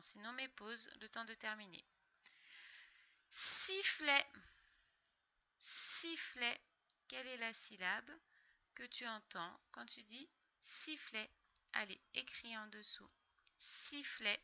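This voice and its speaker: Woman teacher, bright higher voice, slow patient delivery for small kids. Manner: slow, patient, step-by-step instructions. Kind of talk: reading lesson for young children.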